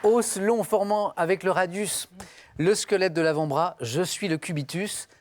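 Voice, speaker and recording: A man's voice: high-pitched, unhurried, some chatter behind. A man hosting a television quiz show, reading clues in the first person and calling on the players by name. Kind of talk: game show question reading.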